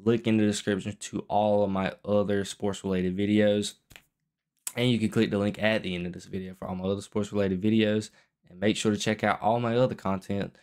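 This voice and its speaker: Restrained, low-pitched young man talking late at night. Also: little pitch movement, a little fast, darkish tone, clean tone. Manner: restrained, keeping it down late at night while others sleep. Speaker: sports vlogger. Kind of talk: casual post-game football commentary.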